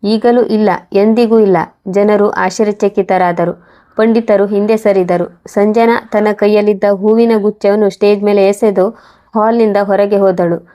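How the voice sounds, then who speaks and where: A woman reading a scripted moral story in an even, measured way. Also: mid-range voice, lo-fi sound. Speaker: narrator.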